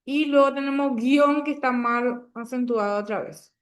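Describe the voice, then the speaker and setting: A woman's voice: high voice, normal speed. A woman teaching a grammar lesson to a class, patient and checking understanding often.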